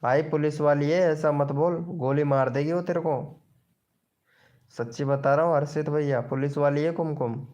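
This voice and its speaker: A man's voice: on the high side, steady tone, normal speed, darkish tone, highs cut off. A young man from Rajasthan hosting a casual live stream, reading viewer comments, teasing them and pleading for likes. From Rajasthan, India.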